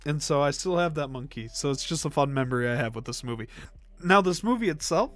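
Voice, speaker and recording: A man's voice: fairly high pitch, expressive, quick pace, fairly bright tone. A young man livestreaming, ranking movies in casual chat, rambling with fillers and coughing now and then. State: coughing, throat irritated. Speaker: live stream host.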